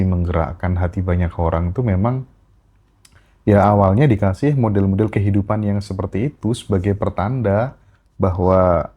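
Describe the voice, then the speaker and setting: Male host, very low and mellow voice, calm and thoughtful. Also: lo-fi sound. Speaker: podcast host. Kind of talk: reflective interview questions.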